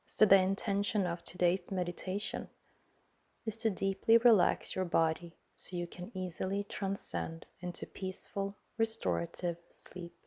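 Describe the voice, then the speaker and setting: This sleep meditation is led by a woman whose voice is gravelly and on the low side. Her delivery is calm and tender, broken into short phrases with leisurely pauses.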